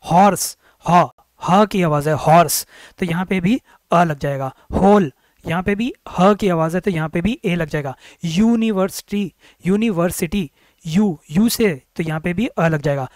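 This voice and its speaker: A man teaching English grammar for exam preparation, repeating words slowly, sounding out each vowel and answering his own questions. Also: a little high, no echo. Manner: asks questions then answers them himself. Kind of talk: exam-prep grammar lecture.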